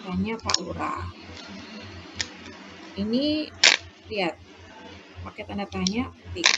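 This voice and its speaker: A woman teacher giving a lesson, explaining slowly and dictating example sentences aloud. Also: mid-range voice, expressive, gravelly, muffled recording. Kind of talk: classroom lecture on punctuation. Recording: noisy background.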